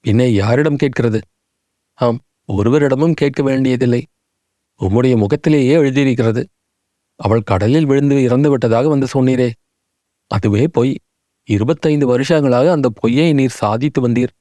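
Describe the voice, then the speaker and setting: A man's voice: mid-range voice, normal speed, long pauses, warm tone, dry recording, natural voice. A man voicing an aging, grief-stricken king who speaks in bitter, brooding accusations. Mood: brooding, accusing.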